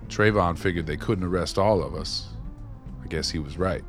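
A deep male voice at normal speed comes through over soft background music. It's a radio play actor cast as a streetwise, wry former maintenance man, who reminisces and spins his tales in a folksy, colloquial manner.

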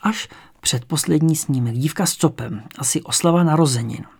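A man calmly narrating a crime novel as an audiobook reader. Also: fairly high pitch, gravelly, breathy edge. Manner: calm, measured storytelling.

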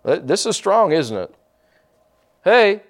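A man's voice: high-pitched, very animated, slow pace. Fervent man preaching with lilt. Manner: fervent, repeats words, rises to loud emphatic peaks. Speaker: pastor. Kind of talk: preaching a sermon.

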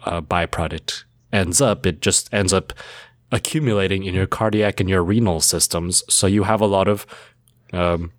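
A man with a very low, deep voice co-hosts a relaxed educational chat. He explains with playful memory tricks. The sound is dry and close, with no room around it. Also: dry recording. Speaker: podcast co-host.

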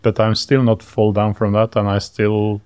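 A Norwegian man co-hosting a podcast, speaking English hesitantly with many pauses and fillers. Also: fairly low pitch, little pitch movement, darkish tone, clear, resonant tone, no room sound. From Norway. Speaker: podcast co-host. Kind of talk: casual podcast chat.

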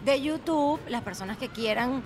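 A woman's voice: sits high, expressive, normal speed, noisy background. A woman hosting an interview podcast, chatty and asking questions. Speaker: podcast host.

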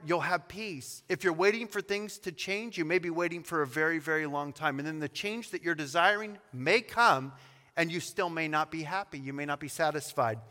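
A man pastor preaching an expository sermon, reading scripture slowly and with emphasis. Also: a little high, pushed and bright, big-room sound. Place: church sanctuary.

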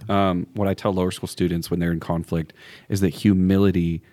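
A man on a podcast who calmly explains ideas and introduces topics in a faith discussion. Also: low-pitched, a little fast. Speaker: podcast co-host, school staff.

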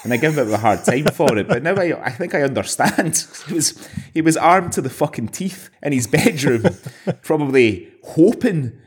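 A man's voice: fairly high pitch, lively intonation, normal speed, breathy edge. A man co-hosting a podcast, sharing personal anecdotes in casual conversation. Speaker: podcast co-host.

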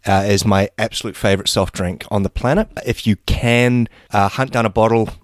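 A man with a Kiwi accent co-hosts a casual podcast. His voice sits fairly low and he talks in a halting, laid-back way with dry humour. The sound is close and dry. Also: fairly even intonation, no echo. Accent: New Zealand. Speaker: podcast host.

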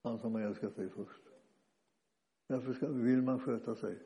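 A man preaching an informal sermon, speaking conversationally and haltingly with frequent restarts and fillers. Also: mid-range voice, fairly even intonation, dark tone. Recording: dull lo-fi sound with long reverb.

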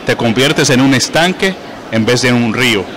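A man, a guest calmly explaining his ideas in an interview. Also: mid-range voice, normal speed. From Puerto Rico.

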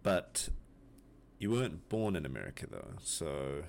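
A man with a very low voice hosts the interview, asking questions in a loose, joking manner. Faint background noise sits under his voice. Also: a little slow, gravelly. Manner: relaxed, jokey, laughs between questions. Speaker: podcast host. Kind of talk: casual interview conversation.

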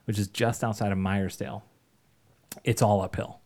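A man's voice: on the low side, flat delivery, normal speed, darkish tone. A man casually telling a long story on a podcast, rambling with fillers and chuckles.

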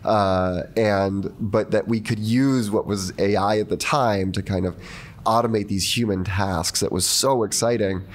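A man who grew up in Argentina, talking as a podcast guest in a thoughtful, relaxed way with many fillers and restarts. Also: fairly low pitch, measured pace. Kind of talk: casual conversation.

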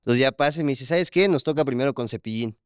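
A man's voice: mid-range voice, quick pace, smooth, no echo, clean studio sound. A young man with a Mexican accent, co-hosting a casual podcast, who tells stories animatedly and acts out the lines of the people in them. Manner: animated storytelling, acts out quotes. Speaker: podcast co-host. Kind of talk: casual chat.

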